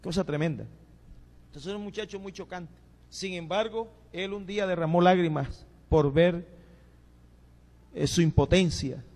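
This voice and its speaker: A man's voice: sits high, moderate pace, long pauses. Man preaching in an echoing church. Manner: storytelling, animated, acts out quoted voices. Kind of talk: sermon. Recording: long reverb of a church hall.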